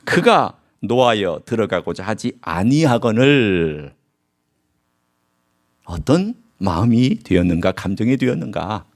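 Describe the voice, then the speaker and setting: A man preaching a sermon as pastor, asking his congregation questions and swinging his voice high and low as he acts out the scripture. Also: takes it slowly. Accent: Korean. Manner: animated preaching with sharp pitch swings. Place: church sanctuary.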